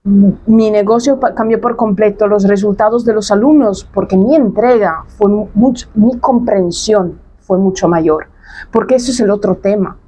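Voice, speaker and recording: A woman's voice: medium pitch, normal speed, warm tone, husky. A woman in her thirties, a coach talking straight to camera in a casual monologue, emphatic and blunt, repeating her points and dropping slang. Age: 30s.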